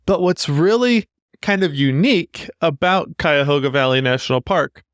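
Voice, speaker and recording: A man's voice: a little high, normal speed, clear, resonant tone, dry recording, studio quality. A man co-hosting a podcast, chatting in a playful, rambling way and laughing often. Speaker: podcast co-host. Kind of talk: casual podcast chat.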